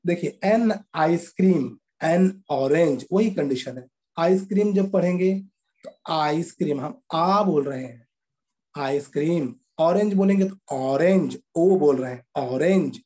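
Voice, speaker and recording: A man teaching a grammar lesson to children, explaining step by step and repeating each word slowly. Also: a little high, darkish tone, breathy edge.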